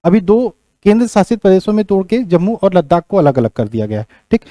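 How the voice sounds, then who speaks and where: High-voiced male teacher giving a lecture. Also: very animated, fast, warm tone, dry recording. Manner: repeats key points, keeps checking in with "theek". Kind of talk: classroom lecture on geography.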